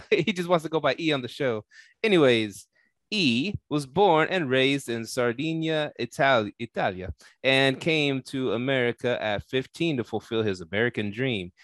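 A man's voice: mid-range voice, dry recording. A man co-hosting a podcast, talking upbeat and joking as he introduces a guest. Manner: upbeat and joking, laughs easily. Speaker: podcast co-host. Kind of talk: casual podcast chat.

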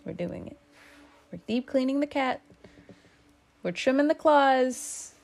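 A woman's voice: high voice, animated, slow, creaky, a little mellow, voice pushed up, heavily acted. A woman putting on a fed-up, stern voice as someone finally cleaning the cat. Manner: firm, exasperated.

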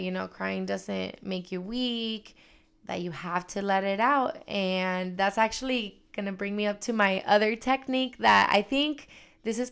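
A woman's voice: mid-range voice, vocal fry, clean tone. A woman co-hosting a podcast, telling a personal story candidly in casual chat. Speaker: podcast co-host.

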